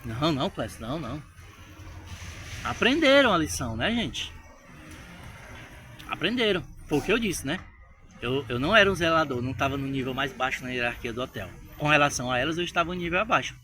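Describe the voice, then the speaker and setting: A Brazilian man telling a story to his viewers in a casual vlog, animated and chatty, often checking in with them. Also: on the high side, a little fast, pauses often. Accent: Brazilian Portuguese. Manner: animated, addresses viewers directly with frequent tag questions. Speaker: English-learning vlogger.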